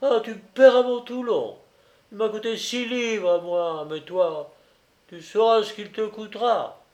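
A man's voice: lively intonation, normal speed, a little mellow, echoey room. A fussy, impetuous old grocer in his sixties, as a male reader puts him on. He pleads and protests in a raised, agitated voice. It sits above the reader's own voice in an audiobook. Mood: outraged. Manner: pleading, indignant, raised pitch. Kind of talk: audiobook character voice.

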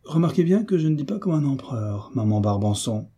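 A man reading aloud as a bold young soldier who teases his uncle in a lively, resolute way. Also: medium pitch, a little fast, slightly rough. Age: young adult.

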